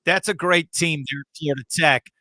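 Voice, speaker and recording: A man's voice: fairly high pitch, normal speed, sharp tone, no echo. A man hosting a sports podcast, asking questions in an upbeat, playful way. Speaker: podcast host. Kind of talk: sports interview.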